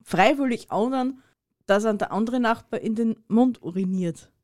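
A woman's voice: a little high, moderate pace, darkish tone. A woman co-hosting a casual comedy podcast, playful and teasing, laughing a lot. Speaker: podcast co-host.

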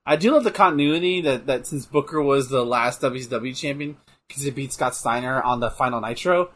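A man's voice: mid-range voice, a little fast, fairly bright tone. A young man casually chatting and joking while playing a game, swearing and laughing often. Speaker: co-host. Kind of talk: casual gaming chat with commentary.

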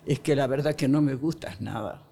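A woman's voice: extremely low pitch, moderate pace, gravelly, warm tone, slight background noise. A woman guest explaining relationship communication in a casual conversation, often asking rhetorical questions.

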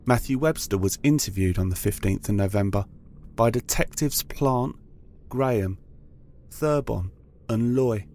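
A man's voice: on the low side, measured pace, darkish tone, slight background noise. A man reading scripted true-crime narration in a formal, factual manner.

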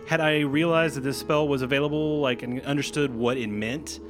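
A man's voice: medium pitch, fairly even intonation, fairly quick, music in the background. A man playing a tabletop game, explaining spell rules at length. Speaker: player.

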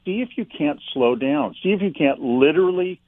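A male author appears as a guest on a faith-based talk program, speaking calmly and reflectively about faith and slowing down. His voice is on the high side at a moderate, unhurried pace. It comes through a dry, slightly dull line with no echo.

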